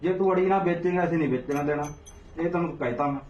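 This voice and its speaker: A man's voice: on the high side, fast talker, recorded from a distance. A man confronting and lecturing someone on the street, scolding and repeating his demands. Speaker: activist confronting a drug seller. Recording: echoey, dull, noisy phone video.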